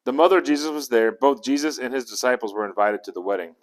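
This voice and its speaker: A man with a medium-pitched voice talks fast while teaching a Bible study, chatting with his group, posing questions and restarting words. A long hall echo surrounds the recording.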